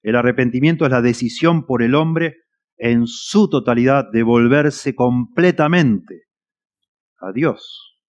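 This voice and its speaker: A man's voice: mid-range voice, slow. A man with a Rioplatense Spanish accent preaching a sermon, his mid-range voice earnest and pressing. He builds to emphatic points. The church recording sounds a little muffled. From Argentina. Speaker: pastor.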